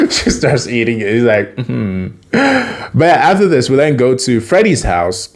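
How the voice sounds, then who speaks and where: A man's voice: medium pitch, wildly swooping pitch, a little slow. A man casually recapping a TV episode, rambling with many fillers and self-corrections. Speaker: video creator.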